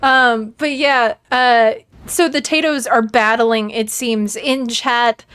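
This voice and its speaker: Slow-talking woman game master. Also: on the high side, smooth. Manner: relaxed, chatty, laughs often. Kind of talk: narrating a tabletop game.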